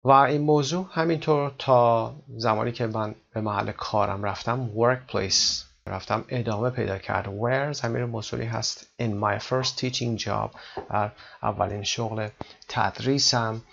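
A man with a Persian accent teaching an English reading lesson, reading sentences slowly and deliberately, then explaining them quickly. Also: mid-range voice, gravelly, a bit bright. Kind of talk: bilingual reading lesson, slow read-aloud then explanation. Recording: dull lo-fi recording.

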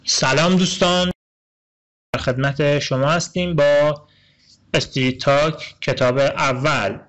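A man teaching English slang in a recorded online lesson, reading phrases slowly and explaining them patiently. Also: on the high side, fairly even intonation, a bit bright. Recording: dull lo-fi recording.

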